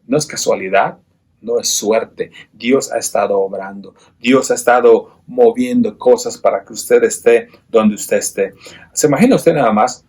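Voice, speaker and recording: A man's voice: mid-range voice, darkish tone, breathy edge. A man teaching a church Bible class, earnest and full of rhetorical questions to his listeners, often restarting and repeating words.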